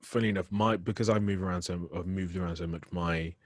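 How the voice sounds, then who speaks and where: A man's voice: deep voice, steady tone, fast, dry recording, clean studio sound. A young man with a light Birmingham accent, chatting casually as a poet guest. He laughs often and talks loosely, with many restarts. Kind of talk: casual conversation.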